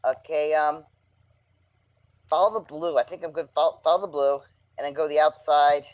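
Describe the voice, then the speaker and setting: A man playing a board game, thinking aloud quickly as he picks his gear and route. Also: on the high side, fairly even intonation, dull audio. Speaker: player. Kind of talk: casual game talk.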